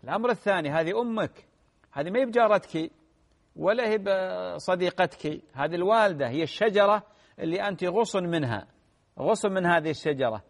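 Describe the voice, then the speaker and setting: A man, a sheikh answering listeners' religious questions in a gentle advisory way. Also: high-pitched, lively intonation, fairly quick, long pauses, in a large hall. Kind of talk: radio religious Q&A.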